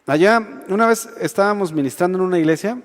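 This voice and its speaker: A Mexican man preaching to a youth congregation with a high, light voice. He talks conversationally and keeps checking that his listeners agree. His voice rings out with the long reverb of a big church hall. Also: fast. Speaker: youth pastor. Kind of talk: sermon.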